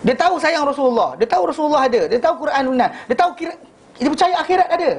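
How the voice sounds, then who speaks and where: A man teaching an informal religious class, telling animated stories and acting out dialogue, with many restarts and English phrases mixed in. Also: very high-pitched, very fast.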